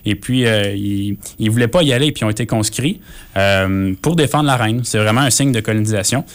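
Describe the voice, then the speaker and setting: A man with a Québécois French accent talks through politics in a casual discussion, explaining in a measured, hesitant way. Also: on the low side. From Quebec, Canada.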